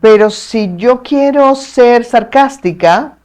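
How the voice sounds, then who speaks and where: A woman with a Dominican accent, a communication expert speaking as a guest in an interview, articulate and measured with playful asides. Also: a little high, a little mellow. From Dominican Republic. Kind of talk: explanatory interview talk.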